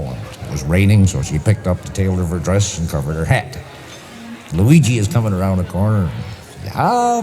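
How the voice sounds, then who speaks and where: A man with a Newfoundland accent telling a string of jokes on a 1980s comedy album, in a folksy storytelling way that jumps up into high voices for his characters. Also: dark tone. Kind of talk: joke telling.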